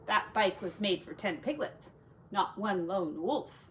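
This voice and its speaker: Reading a picture book to children, a teacher uses a medium-pitched, animated voice at an unhurried pace. She draws out important words dramatically and tosses in casual comments as she goes.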